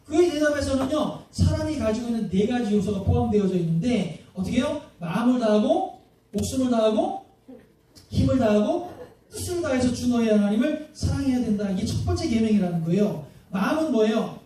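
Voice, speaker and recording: A male pastor preaching a sermon, lively and constantly questioning his congregation. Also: very high voice, brisk, a little hiss or hum. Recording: very echoey hall, mic at a distance.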